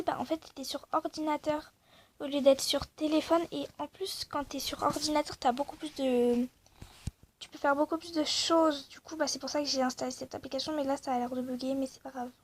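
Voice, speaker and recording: A woman's voice: high voice, fairly even intonation, brisk. A young woman casually commenting on a game she plays, rambling with many fillers. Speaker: gaming video creator. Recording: faint background noise.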